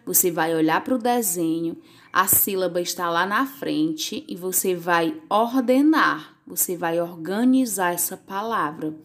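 A woman teacher slowly reading out a lesson for young children, stretching words clearly. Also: on the low side, animated. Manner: slow, clear, drawn-out words for young pupils.

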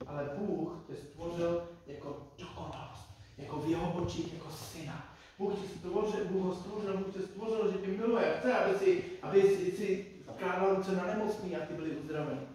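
A man's voice: high-pitched, fairly even intonation, darkish tone, slight background noise. A middle-aged man preaching an informal sermon in a conversational way, repeating phrases and talking straight to his listeners. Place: church hall. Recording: echoey room, distant mic.

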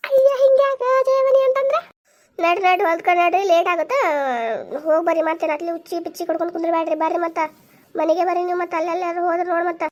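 A woman's voice: very high-pitched, highs cut off. A woman voicing a middle-aged village wife, who nags and complains about her drunkard husband in a cartoon comedy. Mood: scolding. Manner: nagging, complaining, quick scolding.

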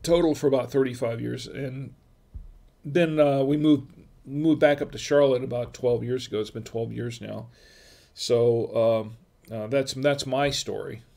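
A man's voice: medium pitch, fairly even intonation, unhurried, creaky, warm tone. An older man from Florida hosting a home wine vlog, chatting in a rambling, digressive way with lots of fillers and chuckles, recorded on a webcam at his desk. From Florida, USA. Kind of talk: casual rambling livestream chat. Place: home room with wine bottle shelves.

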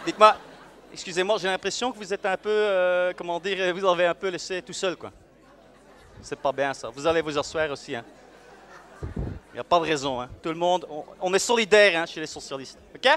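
A man playing a brash, swaggering, bigoted police officer in a live comic sketch, mocking and bursting into sudden shouts. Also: sits high, fairly quick, a faint crowd. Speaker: comedian at a live event. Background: faint audience in a room.

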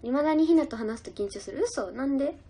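A woman's voice: high voice, expressive, fast talker, mellow. A young woman idol chatting casually on a livestream, giggling as she reads out and answers viewer comments. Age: young adult.

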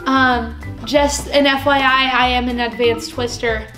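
Woman, high voice, slow easy pace, goofy chatty kids' show host, echoey room. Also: fairly even intonation, pushed and bright, faint music behind. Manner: goofy, chatty, hesitant with fillers. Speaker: children's ministry video host. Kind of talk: playful kids' show segment.

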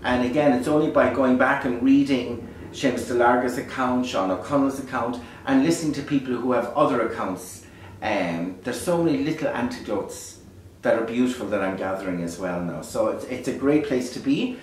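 An Irish man speaks in a lilting storyteller's way, casual and reflective. His mid-pitched voice rings in a very echoey space, picked up from a distance over faint noise. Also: normal speed. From Ireland. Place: beside a small fire in a dark stone hearth. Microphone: distant camera microphone.

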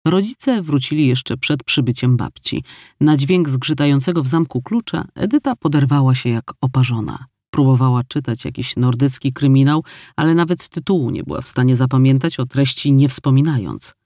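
A man reading an audiobook in measured, expressive scripted narration. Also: medium pitch, no echo, studio quality.

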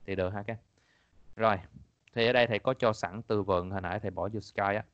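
Chatty male teacher with a low voice, online class on dull lo-fi audio. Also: steady tone, fairly quick, a bit bright, clear, resonant tone, dry recording. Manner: casual, chatty, repeats points, laughs often. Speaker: English teacher. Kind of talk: online exam-prep class.

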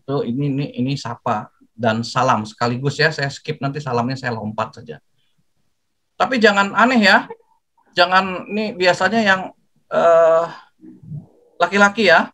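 An older man giving a lively, jokey talk to students, acting out greetings as he goes. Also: on the high side, moderate pace, long pauses, low-quality recording. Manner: jokey, animated, acts out greetings. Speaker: guest speaker.

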